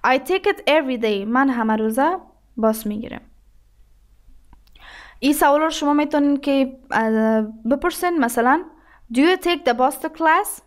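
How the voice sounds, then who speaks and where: A woman with an Afghan Dari accent teaching a lesson. She reads example sentences slowly and deliberately, then explains them quickly. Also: sits high, animated. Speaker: English teacher.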